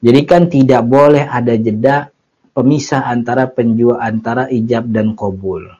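A man's voice: medium pitch, fairly even intonation, moderate pace, warm tone, husky. Man teaching a religious text. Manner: explains Arabic text in colloquial Jakarta slang with chuckles. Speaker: Islamic teacher. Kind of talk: casual religious lecture. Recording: muffled lo-fi lecture recording.

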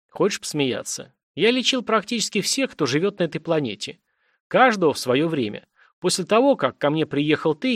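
Man reading frontier doctor, sardonic, probing, slightly high voice, dry close sound. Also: no room sound. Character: male settlement doctor, sardonic and worried. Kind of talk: audiobook character reading.

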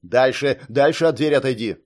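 A man's voice: mid-range voice, brisk, close to an everyday voice. A man reading an audiobook and voicing an angry, jeering male hostage-taker who barks threats through a door. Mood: furious. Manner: barking, snarling threats.

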